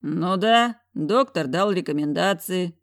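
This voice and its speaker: A woman's voice: lowish voice, slow. Woman voicing a brash, mocking boss man. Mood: bossy teasing. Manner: teasing, bossy, coarse. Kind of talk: audiobook character voicing.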